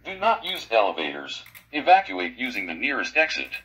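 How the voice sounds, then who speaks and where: A man reading a formal emergency evacuation message in a calm, measured way, played back through fire alarm loudspeakers. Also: mid-range voice. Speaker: recorded emergency announcer. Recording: echoey, distant loudspeaker with loud noise.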